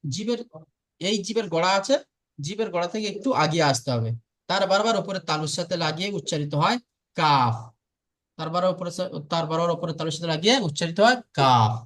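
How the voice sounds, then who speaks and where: A man teaches a lesson. He talks patiently and repeats each sound slowly. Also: high voice, fairly bright tone. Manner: patient and repetitive, slowly drills sounds aloud. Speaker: Arabic pronunciation teacher. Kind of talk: online lesson.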